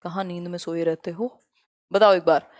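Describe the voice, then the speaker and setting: A woman's voice: on the low side, steady tone, a little mellow. Hindi-speaking lady teacher doing a live exam class, blunt, nags students to like and share. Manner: direct, scolding students, reads questions slowly.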